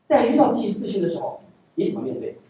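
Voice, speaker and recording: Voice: mid-range voice, very animated, quick pace, dark tone, a little hiss or hum. Preacher echoing from afar in a hall. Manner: asks the congregation rhetorical questions; repeats phrases for emphasis. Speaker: pastor. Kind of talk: sermon. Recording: echoey hall, voice from far off.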